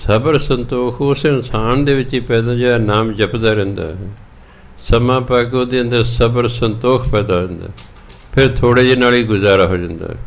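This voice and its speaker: With a Punjabi accent and a mid-range voice, a man preaches a Sikh scripture sermon, chanting verses slowly before explaining them in plain language.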